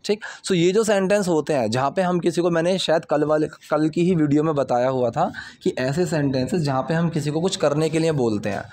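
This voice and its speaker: Male English tutor, slightly high voice, reads examples slow and deliberate. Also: a little mellow. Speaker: English teacher. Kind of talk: explaining movie subtitle lines.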